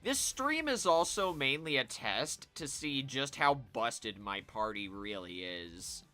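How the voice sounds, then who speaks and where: A man giving live commentary while playing a video game, chatty and self-amused, reacting out loud as he plays. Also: medium pitch, sing-song, slow pace, soft background music. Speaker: game streamer.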